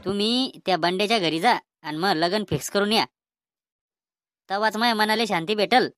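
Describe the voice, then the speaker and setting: A woman voicing a bossy, stubborn old grandfather in a cartoon comedy, speaking with a Vidarbha Marathi accent in a gruff, defiant, threatening way. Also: mid-range voice, fairly quick, a bit bright, no room sound, studio quality, faint music behind, natural voice.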